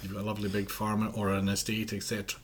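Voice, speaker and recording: A man who is policy director at a mental health charity appears as a podcast guest, earnestly giving advice and often restarting his sentences. His voice is on the low side and monotone, he talks fast, and there's slight background noise.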